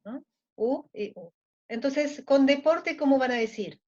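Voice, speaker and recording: In a high, slightly mellow voice and at a somewhat slow pace, a woman with a Mexican accent runs an online French lesson in Spanish. She regularly checks whether her students follow. The sound is lo-fi and muffled.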